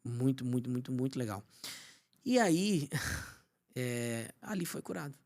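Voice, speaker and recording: Pastor guy, emotional testimony, goes quiet and hushed a lot. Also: mid-range voice, animated, measured pace. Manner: storytelling, often drops to a hushed voice. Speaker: pastor, podcast guest.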